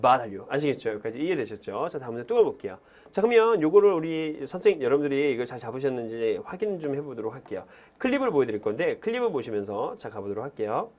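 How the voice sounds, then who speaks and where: A man teaching an English lesson in Korean, animated, who keeps urging learners to repeat phrases aloud. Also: mid-range voice, fast. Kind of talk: lively classroom lecture.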